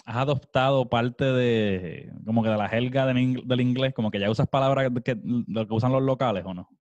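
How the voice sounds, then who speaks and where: A man's voice: medium pitch, brisk, a little mellow, dry recording, dull audio. A man from Puerto Rico with a Puerto Rican Spanish accent, hosting a casual podcast conversation and rambling with many restarts. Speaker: podcast host.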